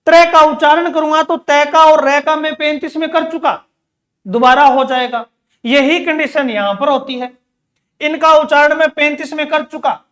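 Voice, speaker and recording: Guy with a high voice teaching grammar for exam prep, keeps asking then answering himself. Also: steady tone, normal speed, fairly bright tone. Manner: repeats key words, asks and answers own questions. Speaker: Hindi teacher.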